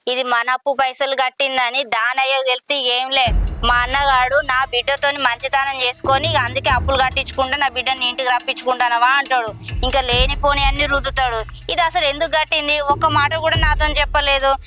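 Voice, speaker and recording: A woman's voice: sits high, level tone, a little fast, sharp tone, soft background music. A woman playing a fretful village mother. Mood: fretting. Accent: Telangana Telugu. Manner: fretful, scolding. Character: middle-aged village mother, worried and scolding. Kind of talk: village drama acting.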